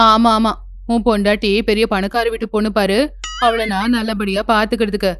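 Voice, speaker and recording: A woman voicing a harsh, stingy mother-in-law in a cartoon story, with a sharp, bossy, scolding manner. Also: medium pitch, level tone, fairly quick, lightly acted. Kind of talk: cartoon voice acting.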